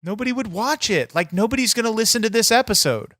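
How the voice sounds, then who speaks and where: On an improvised comedy podcast, a man plays a brash, bitter wrestler who boasts, swears crudely and gets irritated easily. He talks fast in a high, expressive, pushed and bright voice, recorded at studio quality with no echo.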